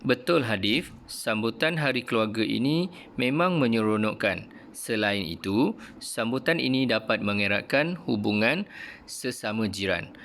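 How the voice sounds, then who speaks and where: A man reading a father's lines aloud from a textbook passage, speaking calmly to his family. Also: fairly low pitch, a little slow, slight background noise. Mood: explaining.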